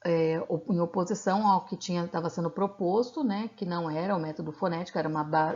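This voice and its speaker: A woman's voice: on the low side, mellow. A woman teacher with a Brazilian accent explaining a lesson patiently in a recorded video lecture, often checking in with little tag questions. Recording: slightly dull lo-fi recording.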